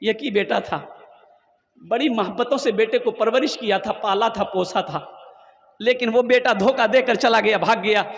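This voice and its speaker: A man's voice: high-pitched, normal speed, vocal fry, in a large hall. A man preaching a sermon, telling an emotional story and calling on the crowd to answer his questions. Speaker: Islamic preacher.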